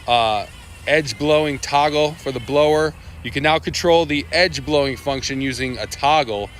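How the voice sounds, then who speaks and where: With a slightly bright voice on the high side and normal speed, a livestream host walks casually through product updates while a little hiss or hum sits in the background. He wanders, using many fillers, restarts and asides.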